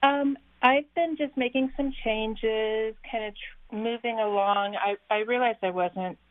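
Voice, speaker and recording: A woman calling in to a radio show over the phone, chatting in a halting way with many fillers. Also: fairly high pitch, fairly even intonation, no room sound. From Denver, Colorado area. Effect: heard over the phone. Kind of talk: casual call-in chat. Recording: tinny phone line.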